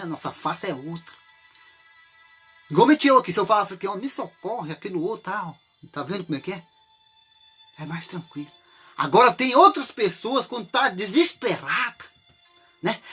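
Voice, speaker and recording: Animated husky Brazilian preacher. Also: male voice, sits high. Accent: Brazilian Portuguese. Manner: conversational, full of rhetorical questions and tag questions; acts out desperate cries for help. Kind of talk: informal sermon on a psalm.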